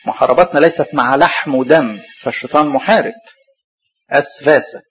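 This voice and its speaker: A man with an Egyptian Arabic accent teaching a Bible study sermon, asking questions aloud and answering them himself, and slowly spelling out hard names. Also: medium pitch, slightly rough. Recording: dull lo-fi recording.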